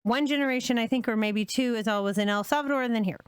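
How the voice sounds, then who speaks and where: A woman's voice: a little high, fast, clear, resonant tone, no echo. Chatty woman podcast co-host, dry sound. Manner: chatty, candid, storytelling with frequent restarts. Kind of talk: casual chat.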